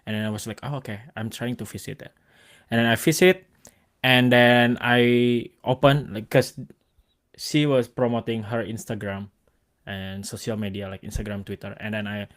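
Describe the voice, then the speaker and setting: A man from Indonesia with an Indonesian accent, hosting a casual interview, speaking in halting bursts full of restarts and fillers. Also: on the low side, fairly even intonation. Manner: halting, restarts words, many likes and fillers. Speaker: host and photographer.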